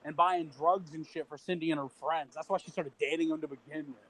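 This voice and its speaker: A man's voice: fairly high pitch, steady tone, brisk, low-quality recording. A man co-hosting a casual livestream chat, ranting heatedly with profanity and mocking quotes. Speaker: livestream co-host.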